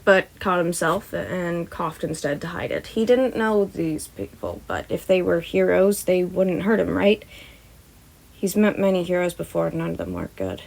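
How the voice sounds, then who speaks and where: Speaking in a fairly low, gravelly voice, a young woman hosts a podfic channel, chatting casually in her intro before reading a story aloud. Her narration is informal and amateur, with the odd tripped-over word that she goes back to correct.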